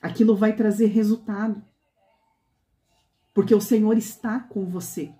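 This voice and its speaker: A woman's voice: mid-range voice, steady tone, unhurried, mellow, reverberant. A woman pastor preaching a conversational sermon to a women's meeting, often asking the women questions.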